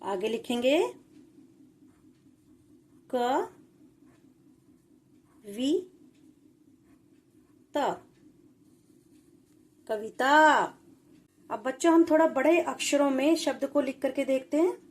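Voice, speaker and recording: A woman's voice: high voice, expressive, drawn-out words, long pauses. A woman teaching children a spelling lesson, patiently spelling out syllables one at a time.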